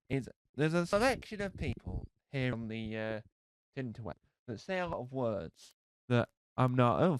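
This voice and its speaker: A man's voice: mid-range voice, clean tone, no echo, studio quality. A man chatting casually on a live stream, rambling and joking, breaking off his own sentences. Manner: chatty, self-interrupting, jokey.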